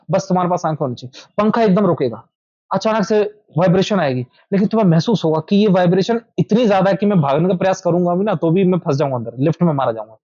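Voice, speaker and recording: A man with a warm, fairly high voice instructs a small group in meditation during an informal talk in an indoor meetup room. He repeats himself and speaks straight to his listeners, and the recording is dry and lo-fi.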